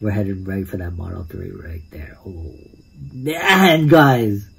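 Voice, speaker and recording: A man giving casual live commentary on his own gameplay as a YouTuber, excitable, swinging between hushed muttering and yelling, and saying "guys" constantly. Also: deep voice, slow pace, vocal fry, a crowd in the background. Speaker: gaming YouTuber. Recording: game music behind the voice.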